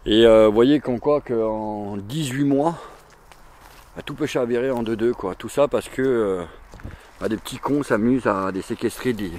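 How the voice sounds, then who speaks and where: A man's voice: medium pitch, unhurried, a little mellow. A man in his forties walks through an abandoned campsite, talking casually to his action camera with lots of fillers and repeats. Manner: chatty, rambling, many fillers and repeats. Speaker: urban explorer vlogger. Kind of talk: casual walking commentary to camera. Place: outdoors at an abandoned burned campsite. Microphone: handheld or chest action camera.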